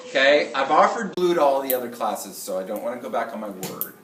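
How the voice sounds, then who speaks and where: A man, a middle school teacher, making an informal, halting announcement to his class and often checking in with an okay. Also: medium pitch, very animated. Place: indoor classroom with students. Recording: roomy classroom, distant mic, faint noise.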